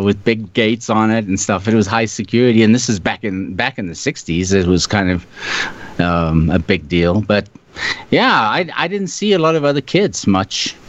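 Low-voiced older man. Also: no room sound. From South Africa. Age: 60s. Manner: reflective, halting with fillers. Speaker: guest. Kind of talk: casual storytelling. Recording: dull lo-fi sound.

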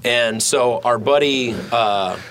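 A man's voice: medium pitch, takes it slowly, a bit bright, a little hiss or hum. Man, podcast host, casual, rambling, profane, fillers, studio. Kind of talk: casual chat.

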